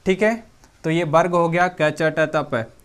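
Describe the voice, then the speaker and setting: A man teaching an exam-prep lesson, slowly repeating each term so students can write it down. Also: fairly high pitch, clean tone.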